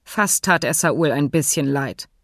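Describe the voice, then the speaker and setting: A low-pitched woman narrates an audiobook in a steady, measured reading of a script. The sound is clean studio quality with no echo.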